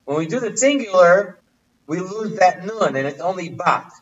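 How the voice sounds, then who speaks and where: A man with a high voice leads a casual language lesson. He keeps quizzing his listeners and repeating the same questions. He sounds set back from the mic, and the audio is dull and muffled. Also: lively intonation, moderate pace, a bit bright. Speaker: teacher. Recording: distant, muffled livestream audio.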